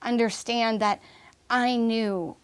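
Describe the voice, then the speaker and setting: Earnest woman telling her story, halting. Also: fairly high pitch, fairly even intonation, clear, resonant tone. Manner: halting, with restarts and fillers. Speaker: interview guest. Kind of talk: personal story in a podcast interview.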